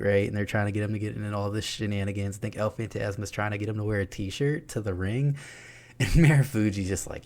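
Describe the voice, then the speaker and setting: A young man giving an excited, profane, laughing recap of a wrestling show. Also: deep voice. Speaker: wrestling reviewer.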